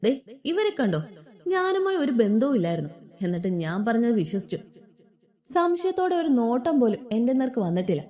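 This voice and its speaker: A woman voicing a wounded, defiant young wife who speaks with sharp scorn. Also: a little high, big pitch swings, moderate pace. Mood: tender.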